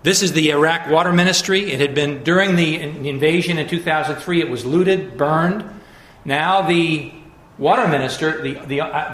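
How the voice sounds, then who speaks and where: A man giving a public lecture with slides, in a measured, emphatic way with frequent restarts and fillers. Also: on the high side, fairly bright tone, reverberant.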